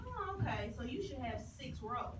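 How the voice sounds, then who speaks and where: A high-pitched woman teacher instructs a classroom in firm, proctor-like directives. She counts down and repeats her orders in short phrases. The recording is echoey, picked up from a distance, with clear room noise. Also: very animated, moderate pace. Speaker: second-grade teacher. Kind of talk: classroom instruction with call-and-response prompts.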